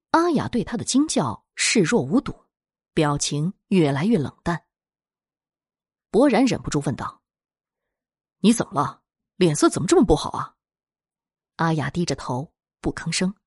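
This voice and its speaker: Woman, horror story narrator, scripted storytelling, dramatic delivery, husky tone, dry close sound. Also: lowish voice, moderate pace, no room sound. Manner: dramatic, expressive storytelling with swells of intensity.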